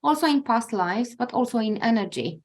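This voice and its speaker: A woman in her forties hosting a podcast interview, telling a story in a reflective, halting way as she searches for words. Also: a little high, animated. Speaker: podcast host.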